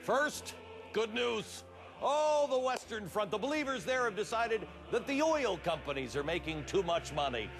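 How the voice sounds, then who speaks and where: Bombastic Soviet state speaker voiced by a man in a satirical sketch, lively and theatrical. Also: moderate pace, faint music behind, full character voice. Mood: gloating. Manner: theatrical, mock-solemn, swings high and low. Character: pompous male Soviet state propagandist addressing comrades.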